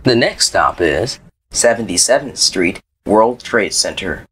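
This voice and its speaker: A man reading scripted transit announcements like a subway or airport announcer, in a formal, measured manner. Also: on the low side, lively intonation, fairly bright tone, breathy edge. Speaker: train announcer.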